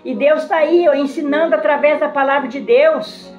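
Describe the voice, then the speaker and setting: A woman preaches a live-streamed sermon in a high voice. She keeps asking her listeners questions and tagging phrases with "né?". The room rings around her, the sound is a little dull, and soft music plays underneath. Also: moderate pace. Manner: ends phrases with a questioning "né?", asks listeners questions, greets viewers by name. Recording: roomy, slightly dull sound with faint music behind.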